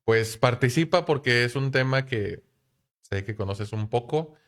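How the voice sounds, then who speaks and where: A man's voice: mid-range voice, lively intonation, unhurried, fairly bright tone. A man hosting a casual podcast chat in a playful, chatty way. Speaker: podcast host.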